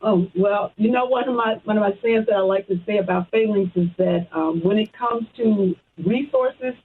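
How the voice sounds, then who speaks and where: A Chicago woman with an American accent calls in as a guest on a radio interview, answering conversationally; she supervises a social services program. Her voice is mid-range and at normal speed, heard over a muffled, tinny phone line with slight background noise.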